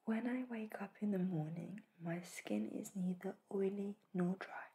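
Playing a spa facial therapist in a whispered role-play, a woman uses a soft, breathy whisper at medium pitch, keeping her tone steady and her pace a little slow. Her manner is gentle and reassuring.

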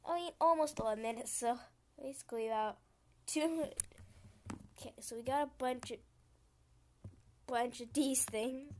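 A woman's voice: high-pitched, normal speed, long pauses, a little mellow, slight background noise. A young woman YouTuber talking casually while playing a computer game, chatty and easily frustrated. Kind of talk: gaming commentary.

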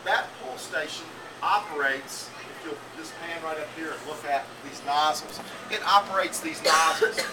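A man's voice: fairly high pitch, moderate pace, hardly any pauses. A man in his forties teaching a school cooking class, rambling and repeating himself, often checking in with "okay?", in a teaching kitchen. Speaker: culinary teacher. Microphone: camera mic from a few feet away. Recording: distant camera audio with air-conditioning hum.

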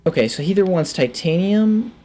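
A gaming video host in his thirties talks into a headset, his voice high, animated, and dark in tone, moving at a fairly quick clip. He thinks aloud as he plays, reading the game's text in a casual let's play style.

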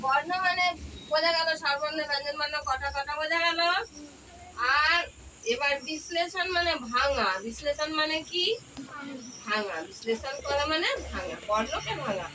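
A woman with a high-pitched voice leads a children's grammar class, asking question after question and echoing the answers. She sits well away from the mic. Crickets, insects and passing vehicles are clearly heard behind her. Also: moderate pace. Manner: drills with repeated questions to pupils. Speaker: tuition teacher. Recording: distant mic with outdoor noise.

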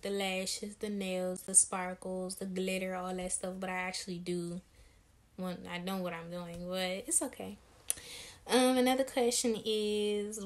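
Chatty young woman from Maryland. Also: medium pitch. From Maryland, USA. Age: 20s. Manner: chatty, candid, slangy. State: tired. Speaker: vlogger and lash business owner. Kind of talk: casual Q&A vlog.

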